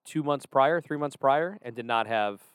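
A man's voice: mid-range voice, normal speed, clean tone, no room sound, studio quality. Easygoing young man podcast co-host. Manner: easygoing, laughs often, hesitant fillers. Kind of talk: casual chat.

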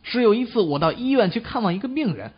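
A man's voice: high-pitched, fast talker, breathy edge. A man performing a comic crosstalk dialogue in a teasing, playful way. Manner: teasing, expressive. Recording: dull lo-fi recording.

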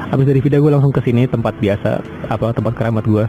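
A young man in his twenties rambles through a casual personal monologue, pausing often with fillers and restarting his sentences. His voice sits at an ordinary middle pitch. Clear traffic noise carries behind him outdoors. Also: fairly even intonation, dull audio. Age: 20s. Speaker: podcaster.

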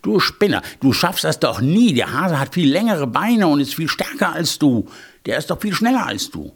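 A man voicing a sharp-tongued female hedgehog, the hero's wife, in a storybook tale. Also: on the high side, very animated, moderate pace, creaky, slightly rough, pitched above the performer's own voice, exaggerated voice. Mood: scolding. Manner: scolding, then conspiring. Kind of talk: storybook character voice.

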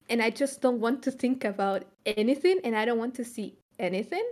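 A young woman from Chile chatting on a podcast in a slightly high voice. She talks reflectively and loosely, pausing on fillers and restarting her sentences as she goes. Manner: reflective, rambling with frequent fillers. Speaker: podcast co-host. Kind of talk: casual podcast chat.

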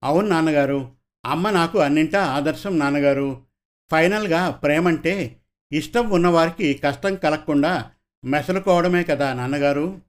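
A man's voice: on the high side, normal speed, lightly acted. A man voicing a young daughter who speaks earnestly and admiringly to her father.

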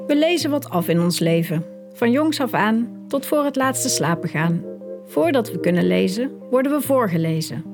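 A woman reading a scripted program introduction in a calm, measured way. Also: a little high. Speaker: program voice-over. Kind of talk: scripted narration. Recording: voice-over with music bed. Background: plucked guitar music.

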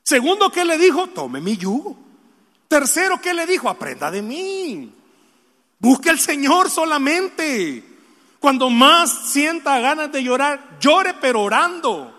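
Male pastor, high and bright, emotional sermon with direct questions to the flock, long hall reverb. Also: big pitch swings, measured pace. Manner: emotional, swinging from soft sorrowful confession to loud exhortation; addresses the congregation directly with questions. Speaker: preacher.

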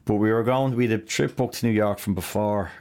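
Middle-aged Irish man, deep-voiced podcast guest, quick and animated with lots of false starts. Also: smooth. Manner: animated storyteller, many restarts. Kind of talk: casual interview chat.

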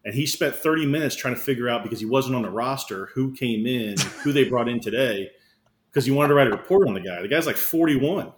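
A man as a podcast guest, a baseball scout, telling animated stories with frequent laughs. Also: mid-range voice, fast talker. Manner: animated storytelling, laughs often. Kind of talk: casual podcast chat.

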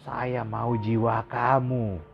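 A man voicing a menacing jinn that speaks through a human medium, slow and cold, making matter-of-fact threats. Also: medium pitch, flat delivery, gravelly, highs cut off, background noise.

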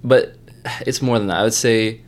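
Low-voiced chatty young man guest. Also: steady tone. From Egypt. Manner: chatty, heavy use of "like", quick laughs. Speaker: podcast guest. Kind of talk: casual conversation.

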